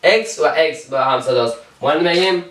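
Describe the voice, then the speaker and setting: A man with an Afghan Dari accent teaching English letter sounds, repeating each example word slowly. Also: on the high side, a bit bright. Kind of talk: alphabet pronunciation lesson. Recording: roomy, from a distance.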